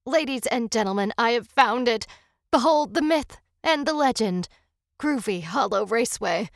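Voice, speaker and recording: A woman doing loud showman guy, raised pitch, gravelly. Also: lively intonation, moderate pace, dry recording, clean studio sound. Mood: triumphant. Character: excited young man livestreaming a discovery.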